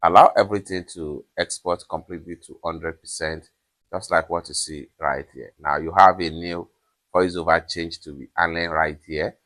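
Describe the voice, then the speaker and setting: A man with a very low, deep voice talks through a phone app tutorial. He goes step by step and keeps coming back to the same stock instructional phrases. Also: fairly even intonation, normal speed, a bit bright. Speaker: tutorial presenter. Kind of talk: screen-recorded app tutorial.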